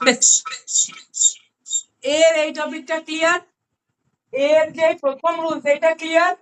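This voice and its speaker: A high-voiced English grammar tutor with a Bengali accent teaches online, patiently slowing to repeat key words and often checking that students understand. Her tone is steady, with slight background noise.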